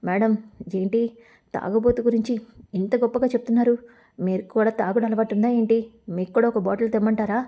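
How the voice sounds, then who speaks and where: Lady reading cheeky hired guy, teasing, fairly high voice. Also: fairly even intonation, fairly quick, long pauses, dark tone, lightly acted. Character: cheeky hired man, joking.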